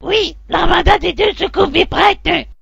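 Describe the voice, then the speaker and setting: An actor voicing a servile, menacing alien henchman in an animated short. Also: very high voice, measured pace, vocal fry, dull audio, exaggerated voice. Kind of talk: cartoon villain acting.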